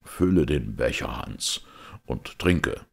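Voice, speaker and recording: A man's voice: expressive, exaggerated voice. A man voicing a proud, brooding middle-aged outlawed knight in an audiobook, with solemn, weighty speech. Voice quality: deep gravelly rasp. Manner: solemn, weighty, slow delivery. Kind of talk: audiobook character voice.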